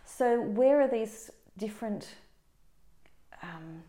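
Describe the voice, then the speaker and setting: A woman practitioner of Chinese medicine, answering interview questions in an animated, explanatory way. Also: mid-range voice, takes it slowly, roomy sound, slight background noise. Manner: animated, explanatory, does dramatic quoted voices.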